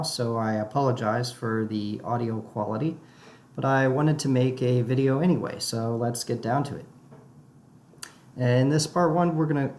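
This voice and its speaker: A man giving a casual programming lesson, halting with frequent "uh" fillers, on a low-quality recording made away from his usual equipment. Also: a little mellow. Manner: halting, with many "uh" fillers while explaining. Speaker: programming tutor. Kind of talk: casual spoken lecture over diagrams. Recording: echoey room, faint background noise.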